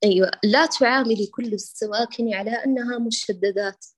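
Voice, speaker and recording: A woman teaching Quran recitation, patiently correcting a student, with affectionate words and sounds demonstrated slowly. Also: on the high side. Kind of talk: correcting recitation in an online lesson.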